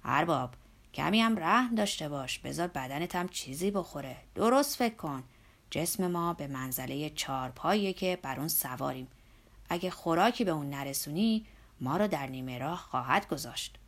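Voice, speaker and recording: A woman doing a blunt, grumbling old laborer. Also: animated. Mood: scolding. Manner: lower pitched, loud and scolding. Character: earthy older male laborer, blunt and grumbling. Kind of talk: audiobook character voice.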